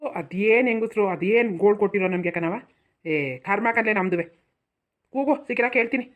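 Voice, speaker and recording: A woman's voice: mid-range voice, a little fast, narrow, tinny audio, close to an everyday voice. A woman doing a weary old village father-in-law. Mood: soothing. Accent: rural Mysore-region Kannada. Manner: pleading, placating, keeps saying hush.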